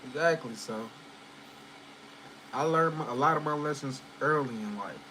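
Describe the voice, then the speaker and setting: In his early thirties, this man hosts a casual livestream from home, rambling loosely to viewers with plenty of fillers and swearing. His medium-pitched voice comes at a normal speed, pushed and bright, over a slight hiss or hum on a low-quality recording.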